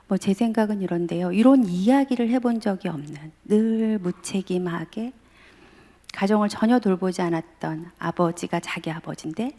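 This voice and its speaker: A woman's voice: mid-range voice, warm tone. A middle-aged woman professor giving a sermon in a church in a chatty storytelling way, often laughing and acting out family quotes. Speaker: guest speaker, professor. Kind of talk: sermon at a dawn prayer service, conversational storytelling. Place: church sanctuary. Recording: long hall reverb.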